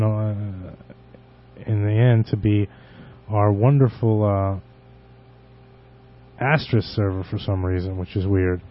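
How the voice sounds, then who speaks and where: Male podcast host, slightly low pitch, halting casual rambling, muffled lo-fi audio. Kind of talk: unscripted casual show talk. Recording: dull lo-fi internet radio audio.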